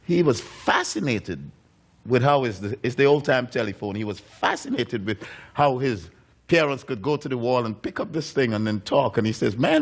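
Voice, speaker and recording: A man preaching a sermon in a church, telling a story with animated delivery and acting out the voices of its characters. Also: medium pitch. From United States. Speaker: pastor.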